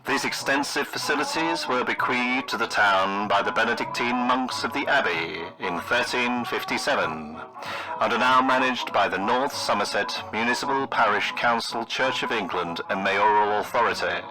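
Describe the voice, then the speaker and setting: A man narrating a scripted mock travelogue in the manner of an old newsreel, with formal, florid, deadpan delivery. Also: medium pitch, moderate pace, poor audio. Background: music.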